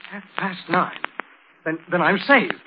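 A man's voice: high-pitched, measured pace. An actor playing a frantic accused man in his thirties, agitated and pleading, in 1940s radio drama style. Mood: anxious hope. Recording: tinny old radio, faint noise.

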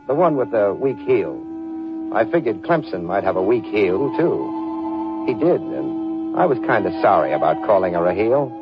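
Cocky hardboiled radio detective. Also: male voice, lowish voice. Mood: wry narrating. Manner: sardonic, slangy. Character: tough wisecracking male private detective, cocky and menacing. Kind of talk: 1940s hardboiled radio acting and narration. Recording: dull lo-fi old radio recording.

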